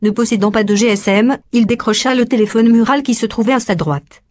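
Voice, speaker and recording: A woman narrates a story aloud, her voice sitting slightly high. Her delivery is even and measured, in a steady storytelling rhythm.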